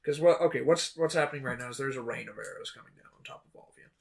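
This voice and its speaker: A man's voice: medium pitch, racing, vocal fry. Rambling male game master. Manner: loose, rambling, many fillers. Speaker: dungeon master. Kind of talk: narrating a tabletop game.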